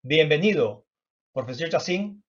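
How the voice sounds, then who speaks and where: A man's voice: on the high side, lively intonation, a little slow. A Venezuelan man speaking in a courteous, formal way as an interview host. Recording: dull, band-limited audio.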